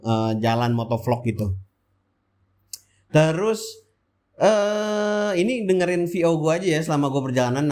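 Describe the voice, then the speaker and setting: Here a motovlogger from the Jakarta area narrates his vlog in a casual, rambling way, posing his own questions and answering them. The voice is male, mid-pitched and somewhat dark in tone, and the talk stays colloquial and chatty.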